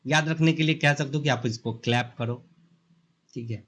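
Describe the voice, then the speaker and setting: A young man with an Indian accent teaches beginner English grammar in a loose, chatty mix of Hindi and English. He leans on homely comparisons to make each idea stick. Every point gets a quick check-in with the listener before he moves on. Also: mid-range voice, a bit bright. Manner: explains with simple analogies, often checks in with the learner. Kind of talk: casual Hindi-English lesson.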